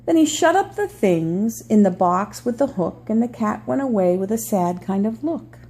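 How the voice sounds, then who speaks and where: An older woman, a sweet, gentle grandmother reading a children's story aloud with chatty asides for a small child. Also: mid-range voice, big pitch swings, moderate pace.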